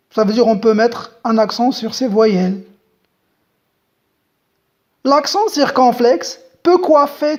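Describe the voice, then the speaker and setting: A woman's voice: high-pitched, a little mellow. A woman teaching a French grammar lesson, patiently spelling out letters and talking straight to the viewers. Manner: slow, deliberate, spells out letters; patient, addresses viewers directly.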